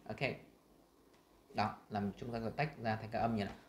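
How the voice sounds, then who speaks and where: Vietnamese-accented male tutor, lower voice, demonstrates words slowly in an echoey room. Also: level tone, slight background noise. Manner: models English words slowly and loudly between explanations. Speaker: English pronunciation teacher. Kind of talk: screen-share lesson.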